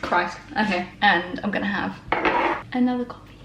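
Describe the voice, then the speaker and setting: A woman's voice: medium pitch, normal speed, very noisy. A young woman vlogging casually from her bedroom, rambling and self-deprecating as she chats. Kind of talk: casual vlog chat. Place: bedroom at home.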